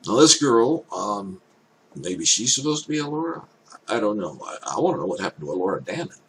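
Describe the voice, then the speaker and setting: An older man with an elderly-sounding voice gives casual off-the-cuff commentary, thinking aloud in halting, hesitant phrases. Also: mid-range voice, sing-song, a bit bright, low-quality recording. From Canada. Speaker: reaction video host. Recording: clear background noise.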